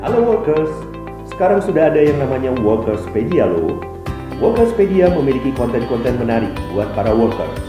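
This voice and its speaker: A man's voice: medium pitch, big pitch swings, a little fast, echoey room, music in the background. A man presenting a channel with an upbeat announcing style. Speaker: channel host. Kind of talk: promotional announcement.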